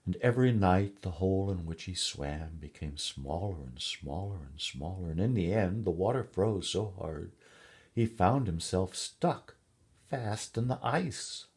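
A man reading a fairy tale aloud in a gentle, measured storybook style. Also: low-pitched, lively intonation, slightly rough.

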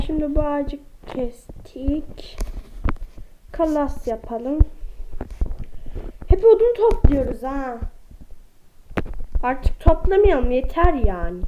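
A woman's voice: high voice, very animated, slow pace, pauses often. A woman giving casual gameplay commentary, chatting to her viewers as friends and sounding slightly under the weather. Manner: chatty, talks to viewers as friends, exclaims at animals. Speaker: gaming vlogger. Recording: dull lo-fi recording with faint noise.

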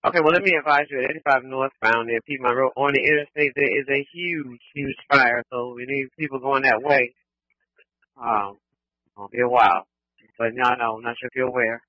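A man's voice: medium pitch, steady tone, a little fast, dry recording. A man giving informal, conversational advisories over emergency radio. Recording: muffled scanner radio audio.

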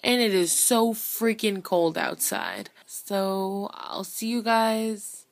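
A woman's voice: medium pitch, lively intonation, slow, creaky, dry recording. A young woman vlogger chatting casually to the camera close in front of her.

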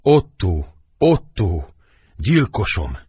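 A man's voice: low voice, very animated, darkish tone, slightly rough, no echo, studio quality, exaggerated voice. A man voicing a proud, desperate dying queen in a dramatic audiobook reading, with cries and pleading.

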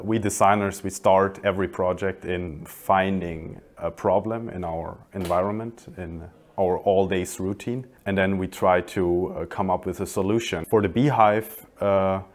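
Deep-voiced young man explaining his design. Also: a little slow, few pauses. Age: 20s. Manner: calm, explanatory, some restarts. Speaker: industrial designer. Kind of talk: documentary interview. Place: indoor hallway by large windows.

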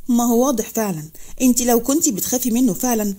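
A stern, jealous Egyptian army officer gives curt warnings at a quick clip, read by a woman. The tone is mellow and dark rather than bright, with an Egyptian accent. It sounds like a storybook romance. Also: a little high, lightly acted. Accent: Egyptian Arabic.

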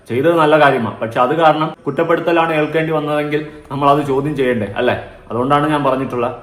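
Man, indignant vlog commentary, quick talker, higher voice, echoey room. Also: fairly bright tone. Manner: indignant, insistent, repeats points. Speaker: vlogger commentator.

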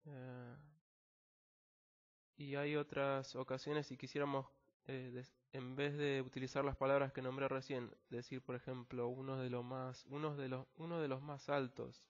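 The Argentine English teacher delivers a screen-recorded language lesson, patiently unpacking a technical text word by word with frequent fillers. He speaks at normal speed in a flat, medium-pitched voice over a slightly dull lo-fi recording.

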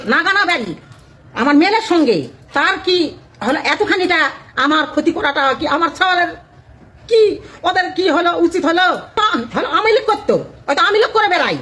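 A woman's voice: very high voice, animated, fairly quick, pushed and bright. A distressed woman with a Bangladeshi accent giving plaintive, unscripted testimony as a victim.

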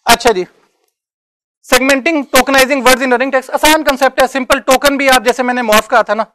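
A man's voice: extremely high pitch, fairly even intonation, a little fast, sharp tone. A man lecturing students in a classroom, conversational and often checking that they follow. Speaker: university lecturer.

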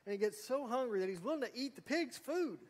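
A middle-aged pastor preaches a sermon in an extremely high, animated voice, talking fast. He tells folksy stories and acts out the quotes. A long hall reverb trails his words.

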